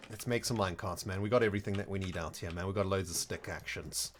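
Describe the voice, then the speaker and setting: A man's voice: low voice, fast talker, slight background noise. A young man giving live gameplay commentary, mock-exasperated and scolding the characters in his game. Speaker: streamer.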